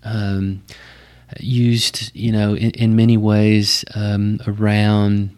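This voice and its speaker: A man with a West Texas twang, explaining things conversationally and thoughtfully like a pastor, often pausing mid-phrase. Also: fairly low pitch, completely flat delivery, darkish tone, clean tone. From West Texas, United States. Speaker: Baptist pastor.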